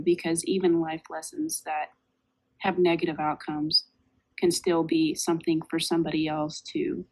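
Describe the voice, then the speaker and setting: A woman with a somewhat low voice co-hosts a casual spiritual podcast. She thinks out loud in long, meandering sentences, her speech slightly softened by a retainer. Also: rough recording. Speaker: podcast co-host.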